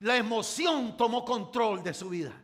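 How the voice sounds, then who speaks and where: A man preaching a sermon in short phrases, waiting for an interpreter, drawing some words out slowly for emphasis and dropping to a hush at times. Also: high voice, lively intonation. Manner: stretches words slowly for emphasis, swings from loud to hushed. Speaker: pastor.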